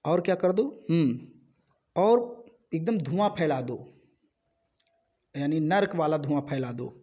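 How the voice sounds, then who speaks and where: A man teaching a play line by line, reading each English line slowly and then explaining it at length, often checking in with "ok". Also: a little high, lively intonation, warm tone. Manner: repeats words and checks in with "ok". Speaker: literature teacher.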